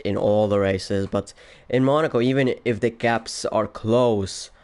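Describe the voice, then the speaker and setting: On a voice call before commentating a race, a young Polish man with a Polish accent tinged by Finnish chats casually and rambles, worn out from getting no sleep. His voice is on the low side and unhurried. A racing league commentator, he laughs often and lets his sentences trail off quietly.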